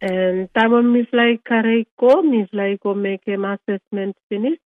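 A woman with a Vanuatu Melanesian pidgin accent speaking haltingly in a radio interview. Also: mid-range voice, dry recording. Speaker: Red Cross manager. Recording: muffled lo-fi radio interview audio.

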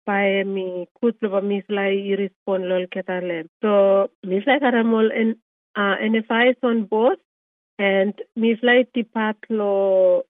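A woman with a Vanuatu Melanesian pidgin accent speaking haltingly in a radio interview. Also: mid-range voice, steady tone, dry recording. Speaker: Red Cross manager. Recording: muffled lo-fi radio interview audio.

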